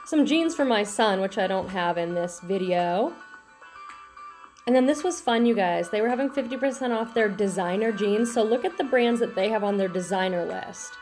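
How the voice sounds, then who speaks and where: Over soft background music, this middle-aged reselling vlogger talks through her thrift finds at a normal pace in an animated, slightly mellow mid-range voice. She's from the Boston area, and a faint local accent colors a few of her words in this chatty, casual haul video.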